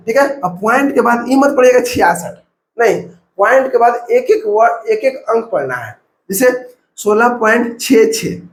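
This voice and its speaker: Male math tutor with a Bihari Hindi accent, high-pitched, coaching step by step in a roomy space. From India. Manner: step-by-step coaching, repeats numbers aloud. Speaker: math teacher. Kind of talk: classroom math lesson. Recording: echoey room.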